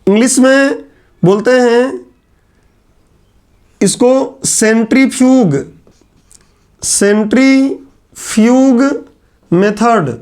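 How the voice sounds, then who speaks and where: Standing at a whiteboard, a man with a strikingly high voice gives a classroom lecture in a relaxed, chatty manner. He throws teasing asides to his students and slows down to repeat key terms.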